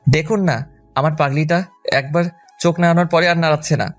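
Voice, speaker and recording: A man's voice: on the high side, fairly even intonation, soft background music, lightly acted. A man playing a young husband who pleads at his wife's hospital bedside, speaking emotionally in an audio drama. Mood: pleading. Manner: emotional, pleading, rapid speech.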